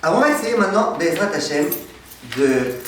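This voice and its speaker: A man teaching a lively, humorous class as a rabbi, asking the students questions and answering them himself as he tells anecdotes. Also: on the high side, fairly quick, noisy background. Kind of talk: lively Torah lesson with humor. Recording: echoey room, mic far off.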